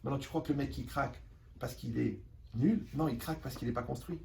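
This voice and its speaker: Fast and full of vocal fry, a man with a mid-range voice leads an animated class for teenagers. He repeats phrases, keeps asking "vous me suivez," and performs little scenes in quoted voices, all heard from a distance over faint room noise.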